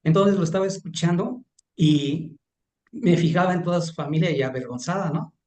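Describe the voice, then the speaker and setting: A man's voice: a little high, normal speed, darkish tone. A man, a pastor and counselor, sharing a rambling, emphatic story in an online class. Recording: roomy echo.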